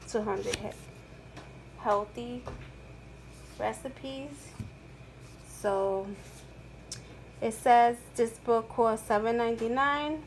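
A middle-aged woman, off-screen, narrating a shopping haul in a slow, chatty, upbeat way, recorded at home on a camera mic. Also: fairly high pitch, creaky, rough recording. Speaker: haul vlogger. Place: indoors at home, rain outside. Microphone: camera mic, off-screen, hands in frame. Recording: rain noise in background.

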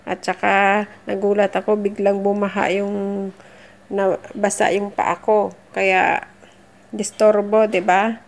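Middle-aged woman, gravelly, friendly how-to vlogger, recorded on a phone. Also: medium pitch, level tone, takes it slowly, long pauses. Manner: chatty, encouraging, addresses viewers as guys. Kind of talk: casual how-to vlog. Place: under a kitchen sink at home.

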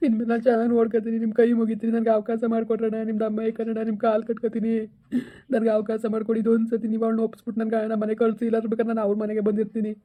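A man's voice: very high voice, monotone, very fast. A man playing a desperate husband who tearfully begs to get his wife back, speaking. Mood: begging, tearful. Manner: pleading, tearful, repetitive. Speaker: estranged husband in a village comedy skit. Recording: tinny phone-like sound.

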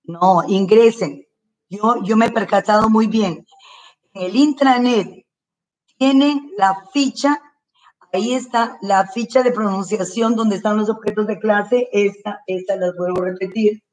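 A woman teacher giving slow, careful, repeated instructions to parents while straining her throat. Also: medium pitch, darkish tone, far from the mic, low-quality recording. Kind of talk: online class instructions to parents. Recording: voice from away from the mic.

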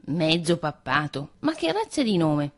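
A woman's voice: on the low side, animated, moderate pace. A woman voicing a trusting, homebound male mouse in a read-aloud fairy tale, earnest and puzzled.

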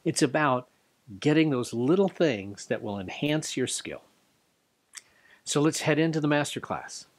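A man's voice: fairly high pitch, expressive, measured pace. An older man in his sixties, a martial arts instructor, speaking earnestly to camera in a dojo, with small restarts. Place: dojo studio indoors. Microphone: studio condenser mic beside him.

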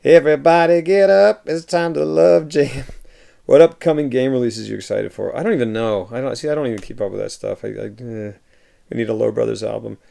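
Speaking briskly at a medium pitch, a gravelly American streamer reads his chat aloud from a home room filled with shelves of films. His replies are warm and casual, and he laughs a lot.

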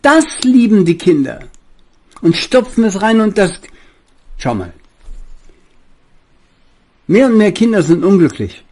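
An older man giving a preachy monologue, addressing his listeners fondly and speaking with a slightly husky voice. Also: high-pitched, unhurried, long pauses. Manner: preachy, lively, addresses listeners as "meine Lieben". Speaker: spiritual speaker and author.

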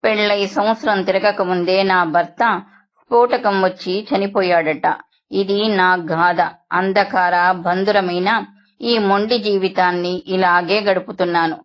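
A woman narrating a first-person story in a steady, measured reading voice. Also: medium pitch. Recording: dull lo-fi recording.

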